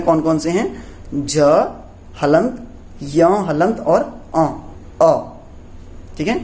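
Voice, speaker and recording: In this classroom clip, a man explains Sanskrit letters to young students. His voice runs on the high side and sounds a little mellow, and he keeps asking questions, supplying the answers, and checking in along the way.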